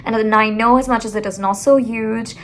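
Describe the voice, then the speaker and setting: Expressive woman giving motivational advice. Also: a little high, fairly quick, slight background noise. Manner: expressive, animated, addresses viewer directly. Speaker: communication skills coach.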